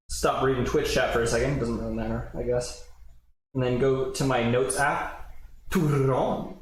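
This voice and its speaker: A man casually chatting on a livestream while he cooks in his apartment kitchen, rambling and often cutting himself off. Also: mid-range voice. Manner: rambling, self-interrupting, chatty. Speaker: streamer. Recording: very echoey room, faint background noise.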